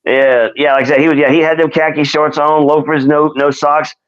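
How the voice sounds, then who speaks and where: A man's voice: a little high, little pitch movement, a little fast, clean tone. A man guesting on a casual chat show, talking in a laid-back, profane way full of fillers. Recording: dull lo-fi audio.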